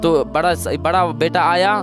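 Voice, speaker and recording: A male preacher tells a moral story from the pulpit in a slightly high voice. He moves through it plainly and circles back on the same phrases to stress them. Clear background music plays under him. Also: fairly even intonation, unhurried. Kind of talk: religious storytelling sermon.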